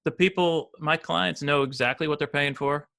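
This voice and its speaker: His voice sits a little high, steady in tone and sharp, with vocal fry and a moderate pace. This American financial advisor in his fifties is a podcast guest chatting casually in an interview, rambling with plenty of restarts and fillers.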